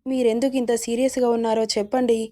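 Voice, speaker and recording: A woman's voice: on the high side, flat delivery, fast talker, warm tone, lightly acted. A woman reading the part of an innocent young wife in a spoken story, asking anxious, pleading questions.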